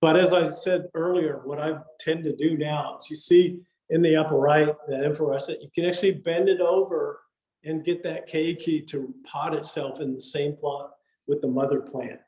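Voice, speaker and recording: A man's voice: fairly high pitch, steady tone, normal speed, a little mellow. Chatty older man lecturing. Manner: chatty, repeats words, says "okay" often. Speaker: orchid society speaker. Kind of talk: casual slide lecture. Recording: echoey room.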